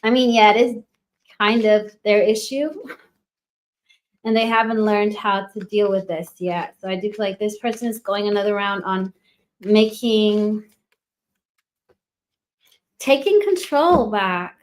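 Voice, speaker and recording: A woman's voice: medium pitch, unhurried, long pauses. A woman giving a casual tarot reading, thinking aloud and trailing off between cards. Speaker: tarot reader.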